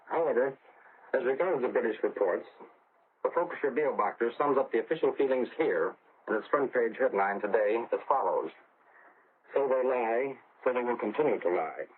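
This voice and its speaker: Heard over a crackly 1940 shortwave relay that sounds like a telephone line, a man from the United States reads a scripted wartime-era news report. He speaks at a medium pitch and a measured pace, restating numbers to make sure they are clear.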